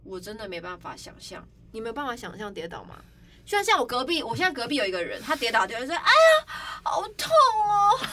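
Bright, high-voiced, animated woman. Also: rapid-fire. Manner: animated, acts out other people's lines with exaggerated cries. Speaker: podcast host. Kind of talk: casual storytelling chat. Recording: slightly distant mic, faint background noise.

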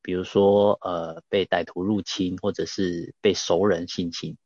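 Male host, thoughtful questioner, deep tone, a bit muffled lo-fi recording. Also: little pitch movement, a little slow, a little mellow, husky, dry recording. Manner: thoughtful, reflective follow-up questions. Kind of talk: casual interview hosting. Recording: slightly dull lo-fi audio.

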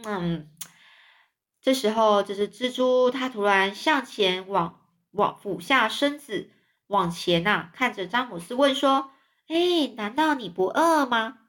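A woman's voice: medium pitch, slow, a bit bright. A woman with a Taiwanese Mandarin accent reading a children's book aloud, chatting and explaining words for young listeners. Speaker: storyteller for children.

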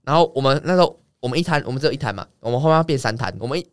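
A man's voice: medium pitch, clear, resonant tone, no room sound, studio quality. A young man, telling a story in a casual chat, swearing freely as he talks. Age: young adult. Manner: rapid, swearing, animated anecdote telling. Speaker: guest.

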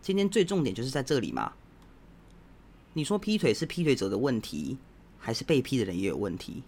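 A man's voice: mid-range voice, very animated, a little fast, darkish tone, husky. A man with a Taiwanese Mandarin accent, hosting a podcast as a casual opinion monologue, blunt and provocative as he lectures his listeners directly. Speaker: podcast host.

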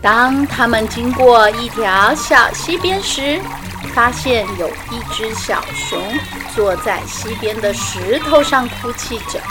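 A woman narrating a children's story in a gentle, clear way. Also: a little high, animated, slow pace. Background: music.

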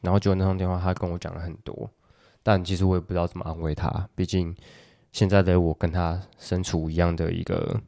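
A man's voice: deep voice, flat delivery, fast talker, gravelly, dark tone. A man co-hosting a casual podcast chat, telling a story and acting out the quoted phone talk, with a Taiwanese Mandarin accent. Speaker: podcast co-host.

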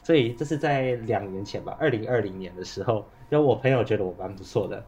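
A man with a Taiwanese Mandarin accent co-hosts a casual podcast chat, talking quickly in a lowish, darkish voice. A face mask muffles him, and he's stuffed up with a cold and a cough.

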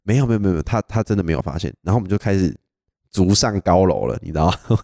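Fast-talking young Taiwanese man, low mellow voice. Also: creaky, no room sound, studio quality. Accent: Taiwanese Mandarin. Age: young adult. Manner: animated storyteller, laughs often. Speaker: podcast co-host. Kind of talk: casual storytelling chat.

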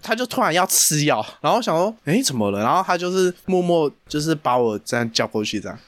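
Lively podcast man. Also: on the high side, fast, no echo. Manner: laughs often, swings from hushed to excited. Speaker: podcast co-host. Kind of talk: casual chat.

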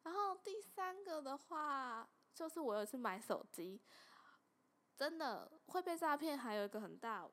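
A young woman with a Taiwanese Mandarin accent hosting a casual podcast, telling stories in an animated way and laughing often. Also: high voice, normal speed. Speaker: podcast host.

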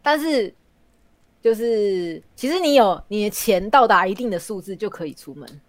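A woman's voice: medium pitch, lively intonation, moderate pace, no room sound. A woman co-hosting a podcast, telling jokes in a playful, teasing casual chat.

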